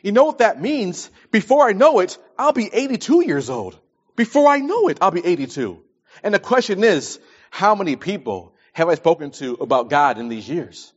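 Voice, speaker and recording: Breathy at the edges and high-pitched, this early-forties preacher swings his pitch widely while keeping a moderate pace. His sermon mixes scripture readings with plain advice, delivered emphatically with repeated phrases for stress, on a dull lo-fi recording.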